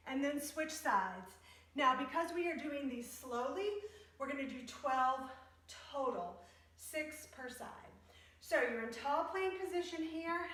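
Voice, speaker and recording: A woman's voice: high-pitched, a bit bright. A woman fitness instructor leading an exercise class, giving step-by-step cues and counting reps in short phrases. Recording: very echoey room, distant microphone.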